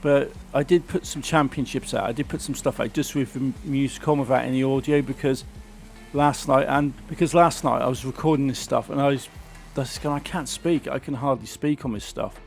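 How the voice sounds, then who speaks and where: Speaking fairly quickly in a creaky, medium-pitched voice, a gaming channel host with a sore throat plays a racing game and talks casually. He grumbles about the game as soft music plays behind him.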